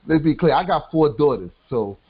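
A man's voice: on the high side, lively intonation, fairly quick, slight background noise. Laid-back man with a dull lo-fi sound. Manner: laid-back, repeats phrases, says yeah a lot. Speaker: podcast co-host. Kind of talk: casual chat.

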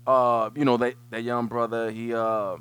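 Animated man telling a story on a podcast. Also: mid-range voice, moderate pace, smooth, no room sound. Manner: animated storyteller, many restarts. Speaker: podcast co-host. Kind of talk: casual podcast chat.

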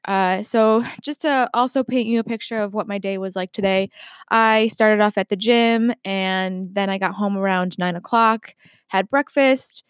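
A young woman in her twenties talks through a casual solo podcast intro from her desk at home. She sounds chatty and reflective, trailing off and restarting her thoughts. The sound is dry and close, with no room echo. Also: on the high side. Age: 20s. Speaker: podcast host.

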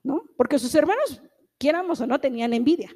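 A woman gives a church sermon in a loose, chatty way. Her voice sits high, and she keeps checking in with her listeners through little tag questions while acting out the voices she quotes. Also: animated, brisk, dark tone. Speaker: preacher.

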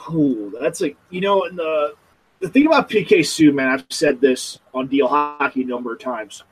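A man's voice: a little high, animated, normal speed, rough recording. A man co-hosting a casual hockey podcast, wry and opinionated as he breaks down plays. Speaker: podcast co-host. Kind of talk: casual sports chat.

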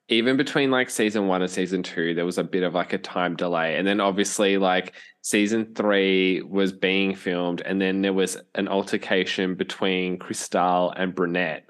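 A man's voice: low voice, a bit bright. Chatty young man podcast co-host. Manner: chatty, cracks himself up, rambling with "like". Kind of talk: casual chat.

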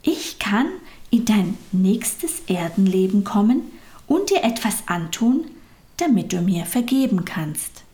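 A woman voicing a kind, loving soul, speaking tenderly and often in a soft whisper. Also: medium pitch, very animated, slow pace. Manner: tender, softly whispered, rising with feeling.

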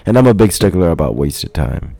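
A man's voice: low-pitched, sing-song, fairly quick, creaky, mellow. A man co-hosting a podcast, talking in a laid-back, drawling way and swearing freely. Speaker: podcast co-host. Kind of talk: casual chat.

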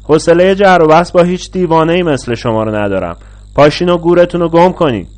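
A man reading a story aloud, voicing an angry, fed-up old male retiree who shouts in a raised voice. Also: on the high side, animated, voice pushed up, lightly acted. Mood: furious.

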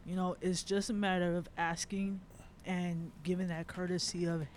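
A man from the Caribbean with a notably high voice chats on a podcast. He is easygoing and laughs a lot as he tells his stories, with a faint hiss of noise behind him. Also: flat delivery, moderate pace. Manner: easygoing, laughs often, storytelling. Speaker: podcast co-host. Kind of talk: casual chat.

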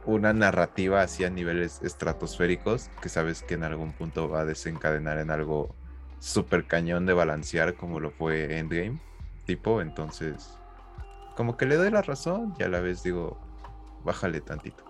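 A man's voice: low-pitched, moderate pace, soft background music. A Mexican man co-hosting a podcast in casual, slangy, jokey conversation. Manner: jokey, informal. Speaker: podcast co-host.

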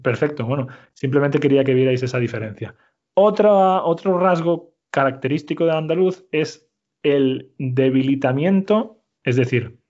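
A man's voice: medium pitch, darkish tone, muffled recording. Male Spanish teacher explaining patiently. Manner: explanatory, frequent "¿vale?" checks. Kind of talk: language lesson.

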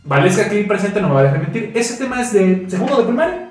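A Mexican man co-hosting a casual podcast, an animated, slangy teacher who laughs through his stories. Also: high-pitched, quick pace. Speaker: co-host, high school Spanish teacher. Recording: very echoey room with faint music.

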